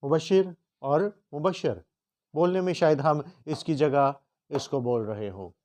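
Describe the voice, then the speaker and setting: Brief: man, fairly high voice, earnest teacher who stresses each word. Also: darkish tone. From Punjab. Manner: emphatic, slows to spell out word pronunciations. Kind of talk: motivational lesson.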